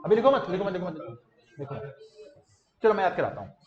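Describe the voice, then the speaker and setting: High-voiced man teaching a lively class. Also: fairly quick, roomy sound, highs cut off. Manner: lively, quizzing students in call-and-response drills. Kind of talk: classroom lecture. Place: classroom with students.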